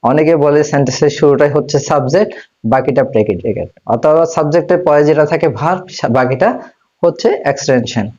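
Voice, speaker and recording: A male teacher walks students through English grammar, often drawing out and repeating words. His voice is dark and mellow, and the recording sounds muffled and lo-fi. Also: on the high side. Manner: slow and repeating, drags out words.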